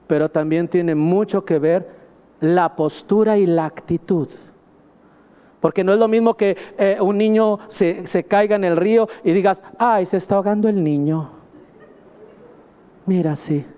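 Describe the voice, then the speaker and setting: A man's voice: high voice, unhurried, dark tone, clean tone, long reverb tail, lo-fi sound. A man preaching a sermon, speaking emphatically and often addressing his listeners as brother. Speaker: pastor.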